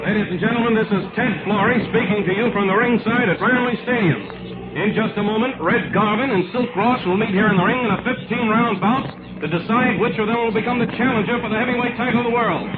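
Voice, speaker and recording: An actor playing an excitable ringside boxing announcer, calling fights with emphatic, dramatic blow-by-blow commentary in an old radio drama. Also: male voice, high-pitched, fast talker, narrow, tinny audio, natural voice. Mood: formal, showy. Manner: emphatic, dramatic play-by-play delivery. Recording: band-limited old radio recording, music behind.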